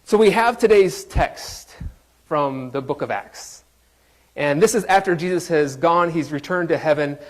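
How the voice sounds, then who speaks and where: A man's voice: fairly high pitch, unhurried. A man preaching a sermon in a conversational, joking way, quizzing his congregation. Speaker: pastor.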